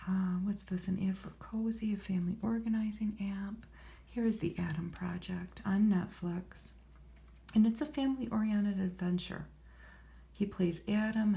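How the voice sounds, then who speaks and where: A woman speaking in a soft, hushed, often whispered ASMR voice, reading from a magazine with unhurried, murmured, rambling asides to herself. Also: medium pitch, vocal fry. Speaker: ASMR host. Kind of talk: soft-spoken ASMR magazine read-through with casual commentary.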